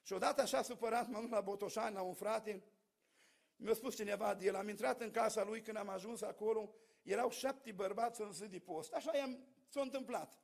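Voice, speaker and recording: Man, very high voice, fervent preacher, storytelling sermon. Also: creaky. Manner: fervent, storytelling, calls out to the congregation. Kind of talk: sermon with personal testimony.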